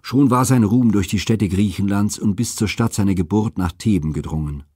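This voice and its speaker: A man narrating classical myths as an audiobook reader, with a steady, expressive delivery. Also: fairly low pitch, moderate pace, slightly rough, no room sound, clean studio sound.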